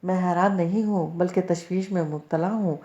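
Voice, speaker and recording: Woman doing a young woman, bold, mocking, defiant, low voice, roomy echo. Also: fairly even intonation, mellow, close to an everyday voice. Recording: echoey, slightly dull recording.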